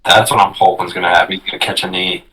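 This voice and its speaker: Low-voiced easygoing man, off-mic. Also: level tone, quick pace, sharp tone, distant mic, rough recording. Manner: easygoing, brief agreeing replies. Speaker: podcast co-host. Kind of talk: casual chat.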